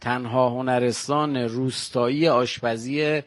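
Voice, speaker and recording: A man's voice: medium pitch, fairly even intonation. An older man with a Varamini Persian accent, a village guest on a radio show, proudly listing facts about his home. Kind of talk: radio phone-in chat.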